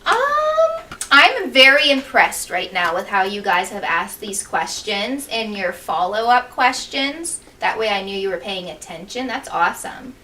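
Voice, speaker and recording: A woman with a bright, forward voice at a middle pitch answers questions in a school-style interview. She speaks encouragingly in simple words and often repeats the question first. The mic is a little distant, with faint noise behind her. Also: sing-song, unhurried. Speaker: school staff member being interviewed.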